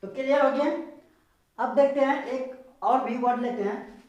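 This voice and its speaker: A woman teaching English pronunciation, spelling words out slowly letter by letter and checking whether the viewer has understood. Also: high-pitched, darkish tone, dull audio. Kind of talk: spoken English lesson explained in Hindi. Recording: very echoey room.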